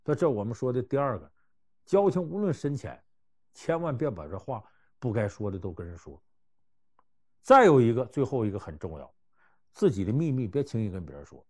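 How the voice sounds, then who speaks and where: Animated male storyteller. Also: mid-range voice. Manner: animated, conversational, swings between loud and hushed. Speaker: storyteller giving life advice. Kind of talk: anecdotal storytelling talk.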